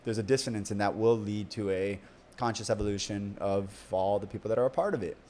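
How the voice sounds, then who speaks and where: A man's voice: lowish voice, steady tone, fast talker, a little mellow, a little hiss or hum. A man hosting a podcast in a casual, enthusiastic, chatty way. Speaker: podcast host. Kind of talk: casual conversational interview.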